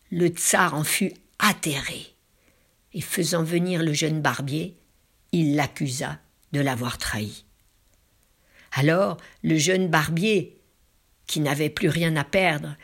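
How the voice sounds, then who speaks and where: Slow husky-voiced woman telling a tale. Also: fairly low pitch. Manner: drops into hushed whispers for emphasis; slow, drawn-out dramatic phrasing. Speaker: storyteller. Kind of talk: told folk tale.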